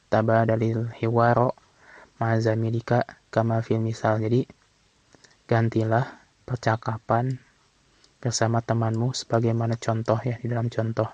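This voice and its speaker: A man teaching from an Arabic textbook in a casual way, reading phrases slowly and then explaining them quickly. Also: mid-range voice, darkish tone, no echo. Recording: dull, slightly lo-fi sound.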